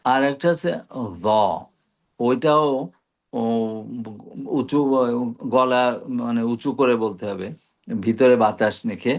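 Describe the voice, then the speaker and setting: A man gives a patient one-on-one recitation lesson, walking through each letter sound and repeating syllables aloud. His voice is gravelly with a creaky edge. He talks unhurriedly, pausing often to search for words. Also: medium pitch. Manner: patient, explains slowly with many pauses and fillers. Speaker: Quran recitation teacher.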